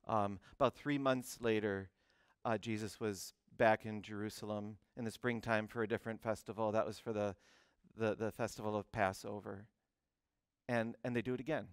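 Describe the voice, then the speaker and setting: A male pastor preaching a sermon, animated, often restarting words and phrases before driving a point home. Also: lowish voice, normal speed, clear, resonant tone, dry recording. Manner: animated preaching with frequent repeated starts.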